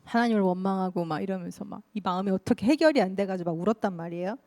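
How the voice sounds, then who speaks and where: A woman's voice: mid-range voice, very fast. Woman pastor giving a chatty sermon to teens, tells it like a story. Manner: lively, confessional storytelling, colloquial, laughs often. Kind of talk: sermon to young people.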